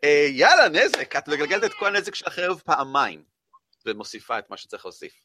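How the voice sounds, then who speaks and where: A man running a tabletop game as game master, narrating with many fillers and lively storytelling. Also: a little high, noisy background.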